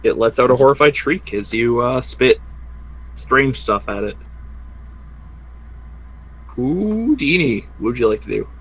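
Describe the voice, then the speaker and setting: A man runs a tabletop game over an online group voice chat, talking loosely and often pausing on fillers. His voice sits at an ordinary middle pitch for a man. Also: animated, breathy edge, low-quality recording. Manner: casual, halting with frequent fillers. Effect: heard over online group voice chat. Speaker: game master.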